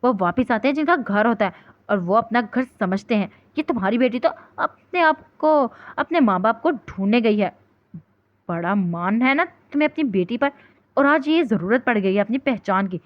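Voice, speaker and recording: A woman's voice: a little high, expressive, no echo, lo-fi sound, natural voice. A woman reading as a ranting bitter uncle. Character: angry older man, the household's scolding uncle.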